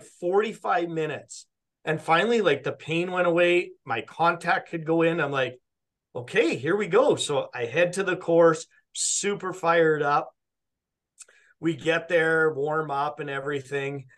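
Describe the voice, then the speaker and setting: A young man from Canada tells a long, rambling story on a podcast, with a slightly high voice for a man. He keeps jumping back into quoted self-talk and leans on "like" as he goes. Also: sharp tone. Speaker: podcast guest. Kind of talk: casual storytelling.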